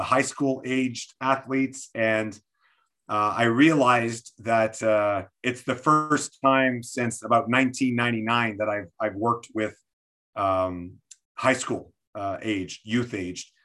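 A man's voice: mid-range voice, fairly even intonation, slow, a bit bright. A man in his forties from Quebec City, presenting an online coaching workshop over a video call, with many fillers and restarts. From Quebec City, Canada.

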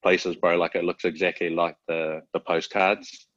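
A man's voice: low-pitched, little pitch movement, normal speed, fairly bright tone, dry recording, dull audio. A man from South Auckland with a New Zealand accent, chatting casually as a podcast guest in a laid-back, slangy way, dropping "bro" into nearly every phrase. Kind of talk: casual chat.

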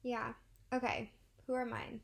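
A woman's voice: on the high side, little pitch movement, unhurried, vocal fry, background noise. A young woman co-hosting a casual chat at home, playful and full of questions, laughing easily. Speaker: co-host. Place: at home, indoors.

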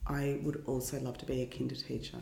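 A woman's voice: a bass voice, level tone, a little fast, vocal fry, mellow, echoey room. A woman co-hosting a podcast in casual chat, teasing her co-host with playful banter.

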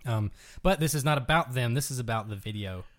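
A man's voice: mid-range voice, fairly quick, a bit bright. A man hosting a casual podcast, upbeat and teasing as he steers the conversation. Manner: upbeat, teasing, leads the talk. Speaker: podcast co-host. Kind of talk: casual chat.

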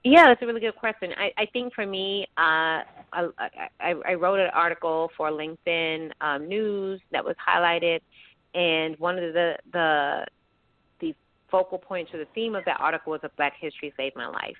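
On a call-in radio interview, a woman with a lowish voice speaks at a moderate pace over a tinny phone line, and the recording is dry. She is an educator and writer from the United Kingdom who grew up in Florida, and as a guest she talks earnestly and outspokenly, frequently restarting her sentences.

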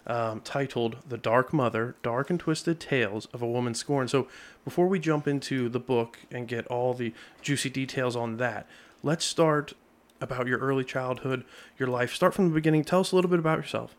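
A man's voice: medium pitch, normal speed. Casting note: thirties male host, mid-range voice, friendly and affirming, studio interview. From Lebanon, Pennsylvania. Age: 30s. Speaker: podcast host. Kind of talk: interview hosting. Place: podcast studio.

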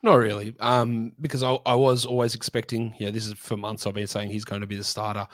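A hoarse man speaks as a podcast guest, his voice croaky and worn. He talks bluntly and frankly, and he clears his throat now and then. The sound is dry and close, with no room around it. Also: lowish voice, level tone, quick pace, dry recording. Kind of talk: casual podcast chat.

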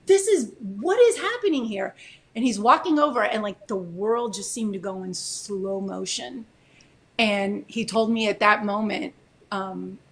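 Her voice medium in pitch, a military spouse from Florida shares her personal story as an interview guest. She's animated and emotional, with many fillers.

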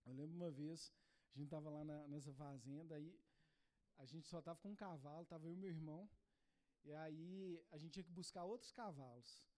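A man's voice: fairly high pitch, a little fast, dark tone. A man in his thirties from Brazil, a pastor giving a conversational sermon at a Sunday church service, telling stories from his own life. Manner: conversational, tells personal stories, frequent "né?".

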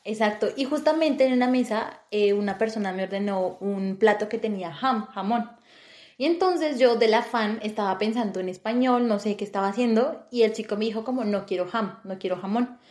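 A woman co-hosting a podcast, telling anecdotes in an animated way, laughing and acting out sounds. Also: fairly high pitch, a little fast, roomy sound. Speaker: podcast co-host. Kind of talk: casual chat.

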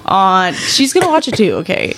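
A woman's voice: medium pitch, big pitch swings, moderate pace, fairly bright tone. A young woman co-hosting a podcast in casual chat, rambling, giggling and swearing freely. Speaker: podcast co-host.

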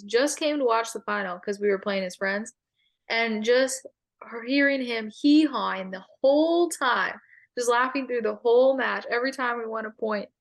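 A woman's voice: fairly high pitch, vocal fry. A teenage girl, a guest on a podcast, chatting casually and laughing as she tells stories. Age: teens. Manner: bubbly storyteller, laughs often. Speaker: guest athlete. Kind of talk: casual interview chat.

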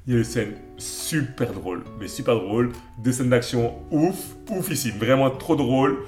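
A man's voice: medium pitch, normal speed, a little mellow, echoey room, faint music behind. A man co-hosting a casual chat, recommending songs and films with enthusiasm, rambling through lots of fillers and restarts. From Belgium. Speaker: podcast co-host.

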